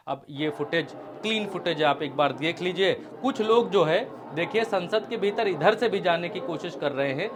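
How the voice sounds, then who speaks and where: A man's voice: high-pitched, a bit bright. A man giving sarcastic, repetitive political news commentary while pointing things out on video footage.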